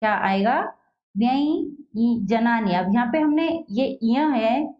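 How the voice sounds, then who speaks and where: Woman teacher, slightly high voice, drills each word by asking and answering herself; dull lo-fi recording. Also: expressive. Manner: asks questions then answers them herself, repeats each word slowly. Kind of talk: classroom lesson for children.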